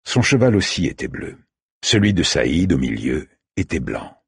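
A man reads an audiobook chapter in a measured storytelling manner. His voice is very low and husky, with a lively, widely moving pitch, and it is recorded dry and close. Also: no room sound. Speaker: audiobook narrator. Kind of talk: scripted narration.

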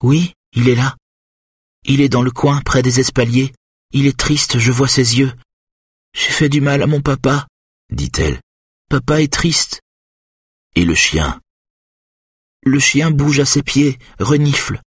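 A man reading an audiobook voices a frightened woman under deep hypnosis who talks like a small child, pleading and distressed. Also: expressive, unhurried, pauses often, husky, no room sound, studio quality. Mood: childlike, distressed.

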